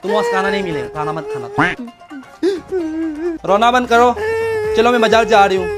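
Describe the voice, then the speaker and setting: A man playing a quick-tempered mother who yells at and nags her young son. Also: extremely high pitch, fairly even intonation. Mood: scolding. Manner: loud nagging, yelling at child. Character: angry scolding mother of a boy, quick-tempered. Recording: loud background music.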